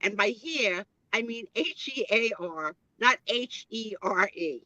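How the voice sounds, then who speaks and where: A woman's voice: medium pitch, lively intonation, slow, pushed and bright, dry recording. A woman co-hosting a casual live stream, joking and teasing, her voice muffled and underwater-sounding through a headset mic. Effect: muffled underwater-sounding headset audio. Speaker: co-host.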